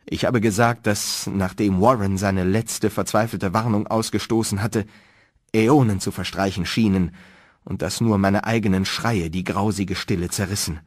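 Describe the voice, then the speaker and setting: A man's voice: on the low side, fairly even intonation, normal speed, no echo, clean studio sound. A man narrating a horror story in a dramatic, tense reading style. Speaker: audiobook narrator.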